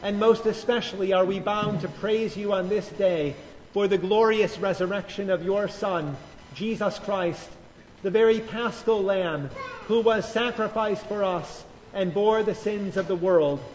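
A male pastor leading liturgical prayers in a slow, measured cadence, heard in the echo of a large church. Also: high-pitched, slight background noise. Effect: cathedral echo. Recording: long church reverb, faint music.

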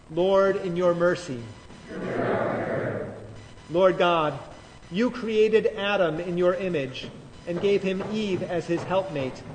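Slow high pastor in cathedral echo. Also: male voice, slight background noise. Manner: slow, measured liturgical cadence. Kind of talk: leading liturgical prayers. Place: large church. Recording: long church reverb, faint music.

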